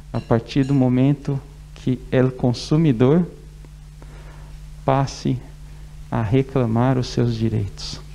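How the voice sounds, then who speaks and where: Dark, gravelly Brazilian man presenting slowly. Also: medium pitch. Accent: Brazilian Portuguese. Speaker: event host introducing speakers. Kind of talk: public presentation. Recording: noticeable background noise.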